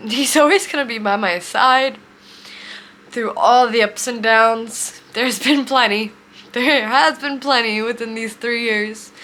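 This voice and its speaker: A woman in her twenties telling a heartfelt personal story, emotional and near tears, speaking haltingly. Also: on the high side, bright, forceful tone, a little hiss or hum. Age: 20s. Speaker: vlogger.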